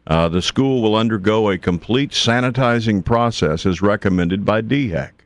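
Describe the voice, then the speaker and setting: Low male radio host, dry teasing banter, close studio sound with no room. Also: normal speed, no room sound. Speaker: morning radio show host. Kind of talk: casual bantering radio chat.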